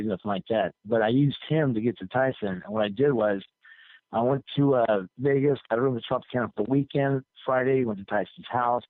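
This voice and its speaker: A man's voice: mid-range voice, no echo. A man calling in to a show and telling a long, rambling, profane story, repeating himself as he goes. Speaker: caller. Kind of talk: casual call-in storytelling. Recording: tinny phone line, dry.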